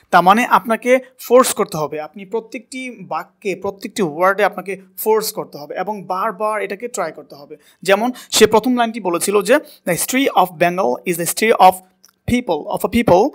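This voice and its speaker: A man's voice: high-pitched, brisk. A man teaching a spoken English class, asking a student to repeat words and correcting how they are said. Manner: coaching pronunciation, asks and repeats words.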